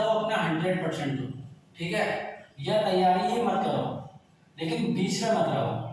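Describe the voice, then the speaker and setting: A man's voice: high voice, a little hiss or hum. A man with a Hindi accent teaching a coaching-class math lesson, exhorting students and often checking "okay?". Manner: exhorting, keeps asking students to answer, repeats "ठीक है?". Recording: echoey classroom, far from mic.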